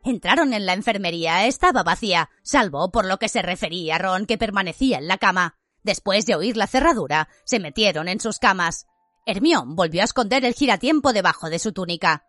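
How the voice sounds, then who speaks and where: Lively woman reading a story aloud. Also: medium pitch, a little fast, dry recording, studio quality, faint music behind. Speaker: narrator. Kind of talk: audiobook reading.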